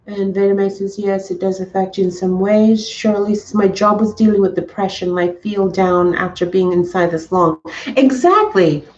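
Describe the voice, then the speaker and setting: A woman's voice: mid-range voice, moderate pace, darkish tone, recorded from a distance, muffled recording, a little hiss or hum. A woman hosting a casual livestream chat, talking to her viewers in an encouraging, emphatic way and often repeating herself. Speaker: livestream host.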